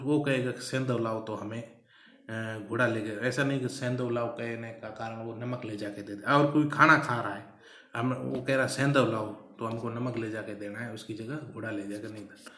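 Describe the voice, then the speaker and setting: A man teaching a college class, explaining step by step with repeated examples and drawn-out key words. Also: mid-range voice, fairly bright tone. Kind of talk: recorded classroom lecture. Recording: echoey room on a phone recorder.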